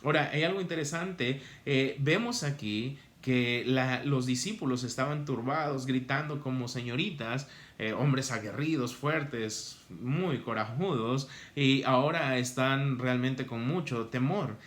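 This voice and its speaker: A man preaching a sermon to listeners at home, reading scripture slowly and then lifting his voice to act out the passage. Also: medium pitch, a bit bright, roomy sound.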